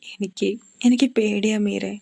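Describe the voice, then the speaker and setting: Woman playing a crying young teacher girl, voice cracking, a bit higher than her usual, gravelly. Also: steady tone, moderate pace, darkish tone, no echo, studio quality. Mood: distraught. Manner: choked, faltering speech.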